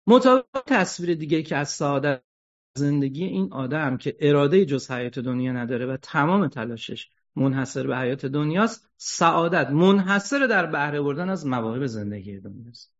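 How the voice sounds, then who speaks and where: A man delivers an ethics lecture, his voice sitting a bit high. He keeps it lively, firing rhetorical questions and slipping in dry jokes. The recording sounds dull and lo-fi. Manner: animated, rhetorical questions, wry humor. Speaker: religious lecturer.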